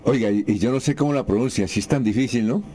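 Mellow radio host. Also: male voice, medium pitch, fast. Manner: casual, reads out listener questions. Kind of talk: casual radio conversation.

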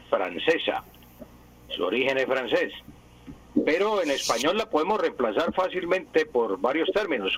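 A man explains word usage to radio listeners. His voice is husky and slightly breathy, and he wanders off into long personal anecdotes. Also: medium pitch, poor audio. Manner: digressive, anecdotal. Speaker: language expert answering radio listeners.

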